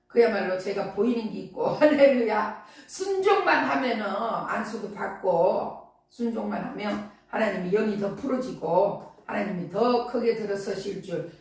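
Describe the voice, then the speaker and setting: A woman's voice: mid-range voice, a little mellow, far from the mic. Emphatic woman preacher in an echoey hall. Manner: emphatic, repetitive, exclamations of hallelujah. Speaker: pastor. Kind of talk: revival sermon.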